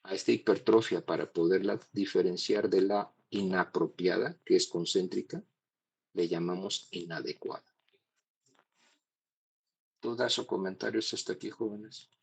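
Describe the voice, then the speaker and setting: Male lecturer, very low husky voice, a classroom talk that drifts off the mic at times. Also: fairly even intonation, measured pace, a little mellow, poor audio. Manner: explains step by step, checks in with ¿no? and ¿sí?. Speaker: cardiology lecturer.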